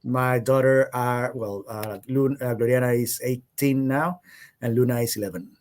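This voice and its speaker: This Costa Rican insurance agent, guesting on a podcast, chats in a relaxed interview with a steady, slightly mellow middle-pitched voice. He sounds hesitant, stumbling through fillers and frequent restarts.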